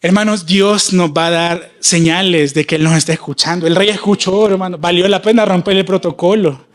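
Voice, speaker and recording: A man's voice: sits high, fairly even intonation, fairly quick. A man from El Salvador preaching an impassioned church sermon, voicing prayers aloud and drawing out words for emphasis. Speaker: prophet preaching.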